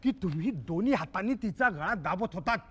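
A meek, hesitant witness. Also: male voice, high-pitched, animated, a little fast, fairly bright tone, slightly rough, heavily acted. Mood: explaining. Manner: hesitant, fills with "ha". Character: timid male witness, meek and eager to please. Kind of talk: stage comedy play. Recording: long hall reverb.

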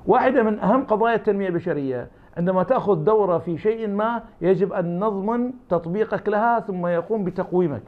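A man from Iraq, an academic guest with an Iraqi Arabic accent, talks fast in a high voice through narrow, tinny audio. He answers the interviewer argumentatively, acting out hypothetical back-and-forth conversations.

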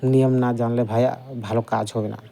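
A man's voice: medium pitch, level tone, brisk, gravelly, dark tone. A man teaching a folk healing chant, chatting at length and reciting its verses in a sing-song. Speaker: mantra teacher on a video channel. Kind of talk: instructional talk with recited chant.

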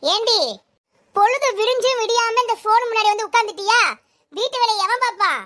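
A woman playing a sharp-tongued mother-in-law who scolds and hurls insults at her daughter-in-law in a comedy sketch. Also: extremely high pitch, steady tone, fairly quick. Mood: scolding. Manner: scolding, name-calling.

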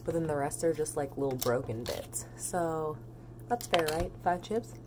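A woman with a low voice, roughened by a cold, talking to her viewers in a chatty, eager vlog. The recording carries a clear layer of background noise from her home. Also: normal speed. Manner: chatty, eager, thinks aloud. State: sick, rough voice. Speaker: vlogger. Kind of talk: casual vlog chat. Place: home kitchen.

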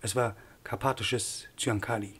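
A man narrating an audiobook in a measured, even way. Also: fairly low pitch, breathy edge. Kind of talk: scripted narration.

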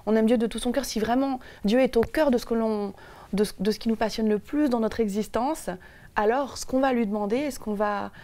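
A woman's voice: on the high side, a little fast, dark tone. Hesitant young Frenchwoman in studio interview. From France. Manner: thoughtful, many hesitations and restarts. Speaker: guest. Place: TV studio set. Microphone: lapel.

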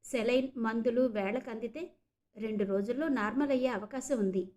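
A woman voicing a calm middle-aged male doctor who explains patiently. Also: fairly high pitch, fairly quick, natural voice.

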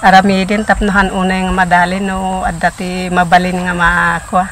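A woman's voice: lowish voice, monotone, normal speed, a bit bright, slight background noise. A middle-aged woman farmer from the Philippines, talking plainly in an outdoor documentary interview about her crops. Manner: plain, listing crops steadily. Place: outdoors by a rural pond.

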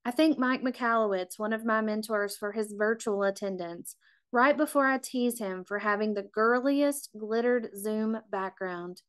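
Middle-aged woman reading her own memoir, kinda high voice, slow reflective and confessional. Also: fairly bright tone, smooth. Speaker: author.

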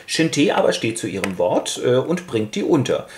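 A man hosting a casual, playful retelling of a play with toy figures, talking briskly. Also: medium pitch, big pitch swings, a little mellow, echoey room, slight background noise. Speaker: host.

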